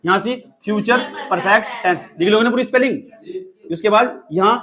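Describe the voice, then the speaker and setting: Male grammar teacher, high-pitched, scolds and jokes with students in class. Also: moderate pace, a crowd in the background. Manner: scolding, teasing, quizzing students. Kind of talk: classroom lecture.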